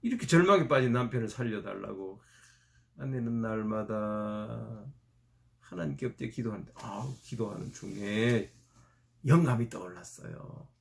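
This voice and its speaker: A male pastor preaching a sermon in an animated storytelling manner. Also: on the low side, normal speed, vocal fry.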